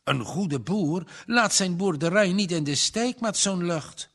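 Slow-paced male storyteller. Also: sits high, animated, gravelly, a bit bright. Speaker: narrator. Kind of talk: audiobook narration.

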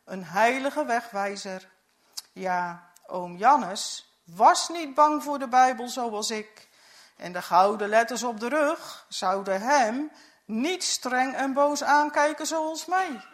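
A woman's voice: on the high side, expressive, slow. A woman reading a story aloud in the first person, in an earnest, reflective way. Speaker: narrator.

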